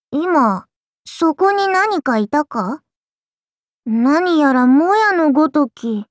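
A female voice performs an imperious little oni god-child for an anime game, high and very animated, in a curious, puzzled mood. She speaks slowly and lordly with archaic phrasing and playful, indulgent haughtiness, like an ancient deity addressing a pet. These full character voice lines are studio quality with no room sound.

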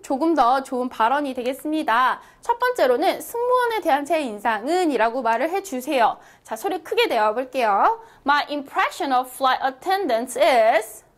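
A young woman teaching an online English lesson, lively and encouraging, reading example phrases slowly for students to repeat. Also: high voice. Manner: lively, encouraging, checks in with "right?" often.

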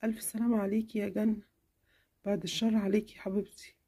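A woman voicing a patient, caring mother in a children's cartoon, speaking gently and affectionately with an Egyptian accent, firm when she scolds. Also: mid-range voice, level tone, fast, breathy edge, voice pushed down, natural voice. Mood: soothing. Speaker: cartoon character.

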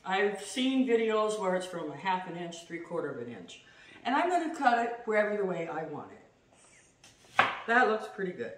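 A middle-aged woman chatting casually as she demonstrates a recipe at home, self-deprecating and quick to laugh. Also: medium pitch, sing-song. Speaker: home cooking host. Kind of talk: casual cooking demo. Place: home kitchen, indoors. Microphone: far camera. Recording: roomy, distant, noisy.

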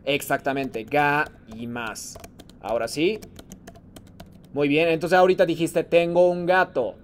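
There's a little hiss or hum as a man with a slightly high voice and fairly even intonation speaks a bit slowly. He's teaching an online Japanese lesson in Spanish, patiently calling students by name and mixing in Japanese phrases as he explains.

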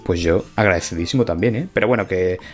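A man's voice: sits low, fast, soft background music. A man with a Spain Spanish accent hosting a casual gameplay video, chatty and playful, laughing often as he talks. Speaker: gaming let's-play host.

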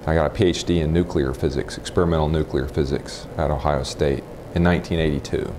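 A nuclear physicist from Texas, an American man in his forties, speaks in a very deep bass with a steady tone. In an informal oral history interview in a room of a house, he recollects matter-of-factly and a little haltingly. A lapel mic catches him, with faint noise in the background.

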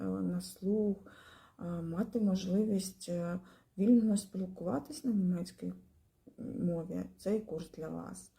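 Hesitant woman with a dark, gravelly voice. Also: fairly low pitch. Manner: hesitant, many fillers and pauses. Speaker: language course student. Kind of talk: spoken testimonial.

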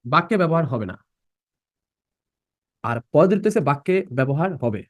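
A man's voice: on the high side, sing-song, brisk, no echo, clean studio sound. A young man teaching a live online class. He repeats each rule and keeps quizzing his students with questions. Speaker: admission-prep teacher.

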